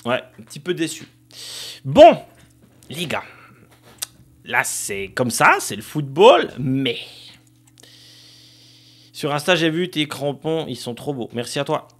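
A man's voice: on the high side, very animated, slow, long pauses. A young man casually commenting on a football career game, thinking aloud with many fillers and addressing viewers directly. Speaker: gaming streamer.

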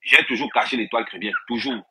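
A man's voice: mid-range voice, quick pace, background noise. A man ranting to viewers on a live stream, repeating himself and addressing them directly, filmed on a tablet indoors. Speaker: social media personality on a live stream.

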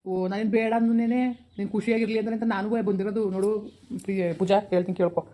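A woman doing a stern young village guy, rural kannada accent, rattles it off fast, dark mellow voice. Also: medium pitch, level tone, lightly acted. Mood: cold. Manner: curt, dismissive, repeats his refusal. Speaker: actor in a village skit. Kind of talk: village skit acting.

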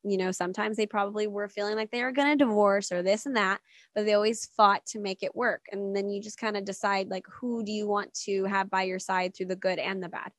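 A woman's voice: mid-range voice, fairly even intonation, a little fast, no room sound. A woman co-hosting a podcast, chatting casually and bluntly, laughing often and teasing her co-host. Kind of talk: casual chat.

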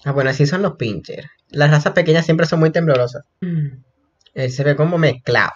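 A young man giving casual, gossipy reaction commentary, excitable and prone to sudden shrieks. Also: a little high, a little fast, muffled recording. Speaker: reaction vlogger.

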